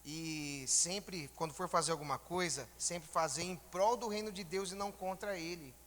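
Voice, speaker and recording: A man's voice: high voice, normal speed, fairly bright tone, big-room sound, slight background noise. A man giving a conversational sermon in a church, informally asking the congregation rhetorical questions. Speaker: church elder preaching.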